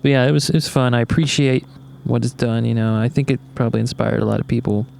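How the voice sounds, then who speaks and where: A man's voice: medium pitch, steady tone, fast, vocal fry, darkish tone. A young man co-hosting a podcast, talking in a laid-back, rambling way with plenty of swearing, recorded outdoors in the woods at night. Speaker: podcast co-host. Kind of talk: casual chat.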